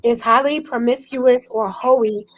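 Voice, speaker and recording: A woman argues on a debate panel in a high voice. She is blunt and challenging in the way she pushes back. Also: steady tone, a little slow. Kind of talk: argumentative debate.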